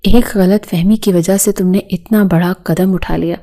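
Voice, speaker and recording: A woman's voice: on the low side, steady tone, mellow, natural voice. A woman reading the lines of a furious older father who roars in anger. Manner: angry, roaring.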